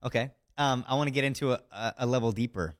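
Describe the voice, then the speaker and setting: A man's voice: mid-range voice, fast, no room sound, clean studio sound. A man hosting a podcast in a casual interview, laid-back, backchanneling often and swearing now and then. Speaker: podcast host.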